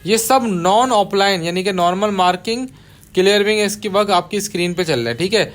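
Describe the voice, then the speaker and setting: A man's voice: sits high, fairly quick, fairly bright tone. A man teaching budgie breeding in a patient voice-over, repeating key terms and dropping casual asides to his viewers. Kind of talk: explanatory voice-over over bird footage.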